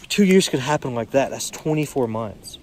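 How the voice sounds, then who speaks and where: A tired young man musing aloud in a solo vlog, seated outdoors by a creek, filling his pauses with "you know". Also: medium pitch, animated, a little mellow, a little hiss or hum. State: tired, yawning. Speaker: podcast vlogger. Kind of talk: reflective solo monologue. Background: faint creek water and birdsong.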